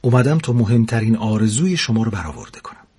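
A man voicing a gentle young winged angel woman in a storybook reading, soft and calm. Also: fairly low pitch, breathy edge, heavily acted.

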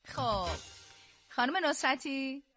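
A woman hosting a quiz show, reading questions slowly and clearly and praising the players. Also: high-pitched, animated, pushed and bright, soft background music. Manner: slow, carefully spelled-out questions; encouraging praise.

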